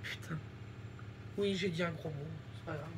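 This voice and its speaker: A young French woman, a beauty vlogger, chats casually while doing her makeup at home, rambling, slangy, and self-mocking. Her voice sits low and moves at a normal speed, with slight background noise.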